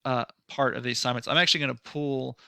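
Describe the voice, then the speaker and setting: A man walks through a software tutorial, thinking aloud as he clicks along. His voice is gravelly and bright, and the sound is close and dry. He talks loosely, with fillers, restarts and a mild sarcastic edge. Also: medium pitch, steady tone, fast talker, dry recording. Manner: mildly sarcastic at times. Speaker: design instructor. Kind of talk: screen-recorded software tutorial.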